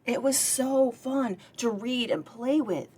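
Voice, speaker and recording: Reading a picture book aloud at story time, a library director who used to be a children's librarian makes it expressive and chats with her young listeners along the way. Her voice is on the high side, mellow and husky, and she takes her time.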